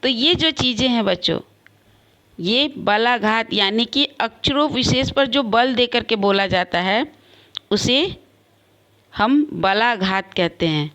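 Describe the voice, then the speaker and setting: A woman teacher giving an online class lesson, explaining slowly with spoken examples and varied emphasis. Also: a little high, fairly bright tone. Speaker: school teacher.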